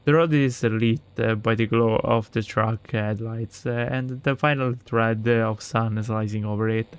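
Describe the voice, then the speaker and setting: This man's smooth voice sits on the low side, with fairly even intonation and a slightly slow delivery. Italian is his native language, and with an Italian accent he reads a visual novel aloud on stream, chatting with viewers amid many fillers and restarts.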